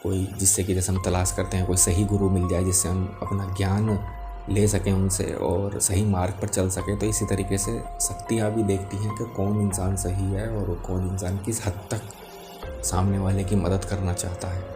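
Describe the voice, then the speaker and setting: A man speaking as a spiritual teacher, explaining devotional matters to viewers in a calm, gentle and patient way. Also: sits low, moderate pace. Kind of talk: spoken religious explainer to viewers. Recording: music behind the voice. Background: music.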